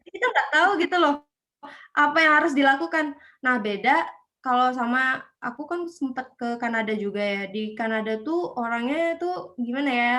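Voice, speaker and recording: A woman's voice: high voice, normal speed, sharp tone. A young woman from Indonesia chatting as an interview guest, hesitant with many fillers. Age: young adult. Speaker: guest, student abroad. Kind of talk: casual online interview.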